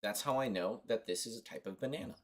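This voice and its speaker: A man's voice: on the low side, fast talker. A young man from Costa Rica streaming a mobile game, chatting offhand and rambling to his viewers. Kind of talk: casual livestream commentary.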